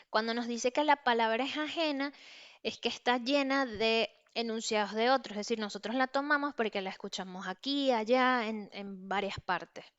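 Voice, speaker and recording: A woman's voice: fairly high pitch, fairly bright tone, smooth, lo-fi sound. A woman giving an online lecture, explaining ideas step by step with frequent fillers and checking in with her listeners. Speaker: teacher.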